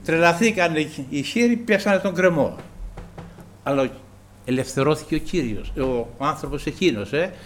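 A man preaching a sermon to his congregation, halting often with filler sounds and repeating praise to the Lord. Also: fairly high pitch, lively intonation, a little hiss or hum.

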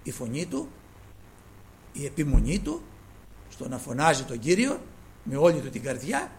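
A man preaching a sermon, addressing his listeners as brothers and moving between quiet asides and loud emphasis. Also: on the high side, vocal fry, slight background noise, low-quality recording.

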